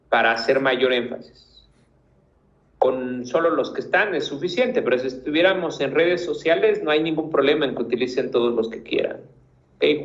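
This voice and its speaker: A man's voice: a little high, reverberant, highs cut off. A man teaching a class, patiently giving feedback to students by name and restarting his sentences as he thinks. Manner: patient, encouraging, gives corrections by name.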